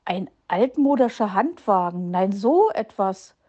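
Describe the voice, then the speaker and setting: A woman's voice: medium pitch, lively intonation, measured pace, dark tone, highs cut off. A woman voicing a teasing, mocking female magpie in a storybook reading.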